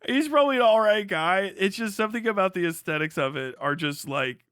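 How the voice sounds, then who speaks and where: A man's voice: high voice, animated, a little fast, a bit bright, smooth, no echo, clean studio sound. A man giving casual, profane livestream commentary in an exasperated, ranting manner. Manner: ranting, exasperated, heavy swearing. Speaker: livestream host reacting to videos.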